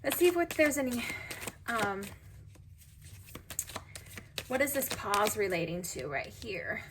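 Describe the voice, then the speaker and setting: A woman's voice: on the high side, sing-song, slow, noisy background. A woman giving a casual tarot reading to camera, musing and chatty with many fillers. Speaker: tarot reader. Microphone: camera mic.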